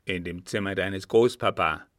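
A man's voice: sits low, normal speed, dry recording, clean studio sound. A man reading aloud and voicing a worried, cautious old coachman and servant. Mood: sorrowful. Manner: anxious, hushed, cautious.

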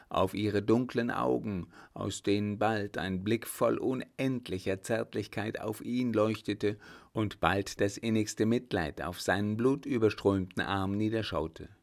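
A man reading a historical novel aloud as an audiobook narrator, in a measured, even manner. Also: fairly low pitch, gravelly. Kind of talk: scripted narration.

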